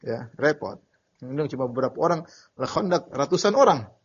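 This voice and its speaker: Male religious teacher, lecture delivery, husky higher voice, animated storyteller who restarts phrases, dull lo-fi recording. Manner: animated storytelling with sudden emphatic bursts; frequent filler "ya" and halting restarts. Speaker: Islamic teacher.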